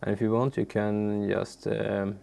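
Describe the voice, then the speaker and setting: A native Swedish-speaking man from Sweden presents an informal, unscripted music software tutorial, halting and searching for words in an unassuming way. His gravelly, creaky voice sits fairly low and his delivery is flat. Keyboard clicks and faint background noise can be heard.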